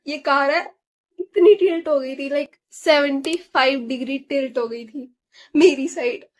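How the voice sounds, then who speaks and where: In a casual vlog, a young adult woman with a high voice tells a story from her own life. She is animated, mixing Hindi with English words and filling pauses with lots of small sounds.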